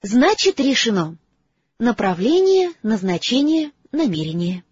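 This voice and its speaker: A man voicing a clever, bossy teenage girl in an audiobook, brisk and earnest. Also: extremely high pitch, big pitch swings, husky, no room sound, pitched above the performer's own voice, full character voice. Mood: excited. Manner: brisk, earnest, a little lecturing. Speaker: audiobook character voice. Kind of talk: audiobook character reading. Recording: slightly dull, dry recording.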